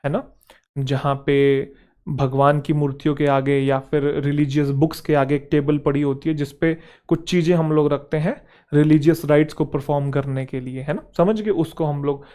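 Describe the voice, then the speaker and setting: A young man from Haryana with a Haryanvi touch in his speech, teaching an exam-prep vocabulary lesson in Hindi and reading English example sentences slowly and deliberately. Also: fairly high pitch, fairly even intonation, dark tone. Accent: Haryanvi-tinged Hindi and English. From Haryana, India.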